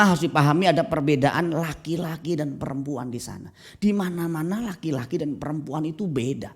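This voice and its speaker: A man preaching a sermon as pastor at a church service, telling stories with lively energy and acting out the voices of husbands and wives. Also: a little high. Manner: lively storytelling, acts out spouses' voices.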